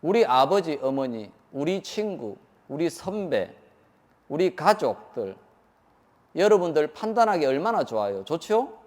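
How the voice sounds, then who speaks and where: A man's voice: fairly high pitch, very animated, a little slow, a little mellow. Monk man giving a sermon, voice goes up and down a lot, keeps quizzing the crowd, long hall echo. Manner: asks the audience questions, acts out quoted lines. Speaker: Buddhist monk preaching.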